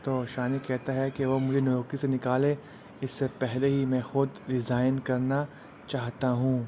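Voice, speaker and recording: A man narrates a recap of a television drama, keeping his voice level and mostly flat. His tone is mellow and dark rather than bright. A faint noise sits under the recording. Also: mid-range voice. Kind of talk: retelling a TV drama episode.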